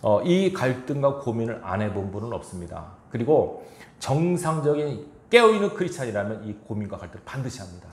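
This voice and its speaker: A pastor with a mid-range, sing-song voice preaches briskly in a reverberant church sanctuary. After reading from scripture, he challenges the congregation with a string of rhetorical questions.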